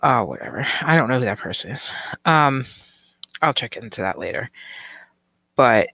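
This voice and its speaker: A woman's voice: rumbling low, expressive, moderate pace, vocal fry, fairly bright tone, no room sound. A middle-aged woman hosting a casual livestream, rambling and swearing with lots of fillers while chatting with viewers, and she has the hiccups. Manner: rambling and profane, with many "um" and "like" fillers. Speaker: livestream commentary host. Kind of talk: casual livestream chat, reading viewer comments.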